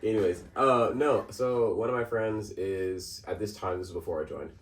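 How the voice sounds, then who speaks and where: A male podcast co-host tells a story in casual chat, rambling and laughing often, with many fillers and restarts. His voice is on the low side at a moderate pace, sounding roomy and distant from the mic, with faint noise.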